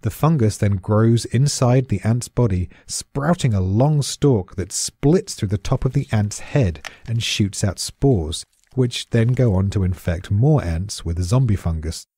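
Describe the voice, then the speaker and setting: A man's voice: on the low side, expressive, a little slow, mellow, husky, no echo. Dry-voiced British man explaining. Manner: dry, darkly amused. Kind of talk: scripted podcast narration.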